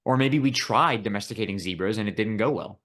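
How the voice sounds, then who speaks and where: A man's voice: fairly low pitch, quick pace, a bit bright. A man from Buffalo, New York, co-hosting a podcast in casual chat, teasing and joking, with casual swearing. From Buffalo, New York, USA. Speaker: podcast co-host.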